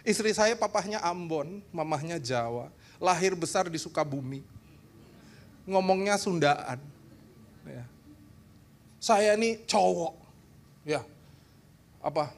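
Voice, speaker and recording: A man from Indonesia, a pastor preaching a church seminar sermon with humor, teasing his congregation and talking in an animated way. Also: a little high, slow, long pauses, a little hiss or hum. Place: church hall.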